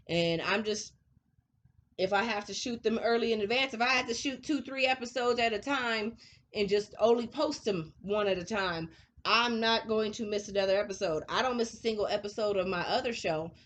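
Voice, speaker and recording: A woman's voice: a little high, a bit bright. A woman in her thirties hosting a personal vlog, telling her story frankly with frequent laughter and talk of faith. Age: 30s. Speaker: vlog host.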